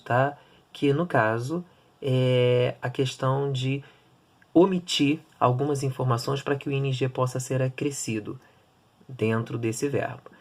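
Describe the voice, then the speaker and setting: A man teaching an English grammar lesson, explaining step by step and checking in with the class often. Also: mid-range voice.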